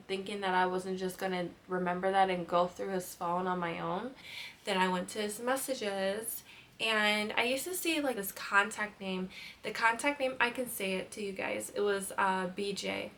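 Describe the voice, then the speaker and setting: A woman's voice: medium pitch, fairly bright tone, a little hiss or hum. A young woman, casually telling a storytime vlog with lots of filler "like"s.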